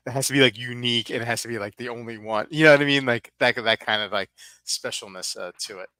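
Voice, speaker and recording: Bright-voiced chatty man in his fifties. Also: mid-range voice, quick pace, clean tone, dry recording. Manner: chatty, lots of fillers and tag questions. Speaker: livestream co-host. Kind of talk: casual chat.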